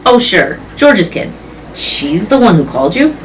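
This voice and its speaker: A man's voice: high-pitched, very animated, a little slow, a bit bright, slight background noise, heavily acted, poor audio. A reader voicing a brash, greedy male mall owner with an emphatic, salesman-like manner. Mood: surprised.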